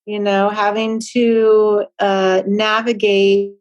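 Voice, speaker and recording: A woman interviewed as a nurse practitioner, telling family stories in a casual, unhurried way, with many fillers and restarts. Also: mid-range voice, little pitch movement, dry recording, dull audio. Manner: warm storytelling with frequent fillers and restarts.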